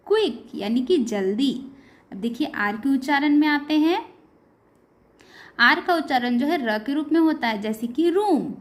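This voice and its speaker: A woman teaching a beginner English pronunciation lesson, addressing viewers as her dear children and drawing out each example word slowly. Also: high voice. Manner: slow, drawn-out word-by-word explanation.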